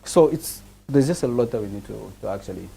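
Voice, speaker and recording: A man's voice: medium pitch, lively intonation, a little fast, creaky, dark tone, slight background noise. A young man, answering casually and earnestly in a studio interview. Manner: earnest, many restarts, laughs easily. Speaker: guest.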